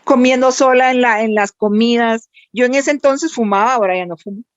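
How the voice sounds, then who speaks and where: Guatemalan woman, animated storyteller, dry dull podcast sound. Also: a little high, a little fast, no echo. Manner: animated storytelling with many fillers. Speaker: guest voice actress. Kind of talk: casual podcast interview.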